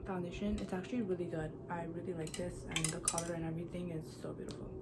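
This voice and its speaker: Doing her makeup on camera, a twenty-something woman from Iran gives a frank, casual get-ready-with-me pep talk as a beauty vlogger. She talks fast in a fairly low voice with little pitch movement, over heavy noise.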